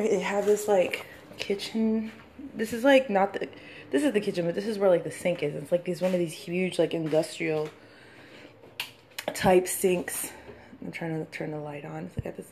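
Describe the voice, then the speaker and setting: Filming on a handheld phone as she moves from room to room, this young DC-area woman rambles through a casual house-tour vlog of her apartment, saying "like" constantly. She speaks in a lowish voice with vocal fry, against a noisy background.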